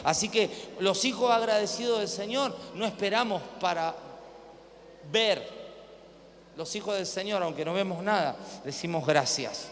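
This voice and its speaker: Preaching a live sermon in a church hall, a male pastor with an Argentine Spanish accent speaks emphatically to his congregation, repeating phrases and asking for amens. He has a high-pitched, fairly bright voice and a measured pace. The audio carries hall reverb and faint room noise.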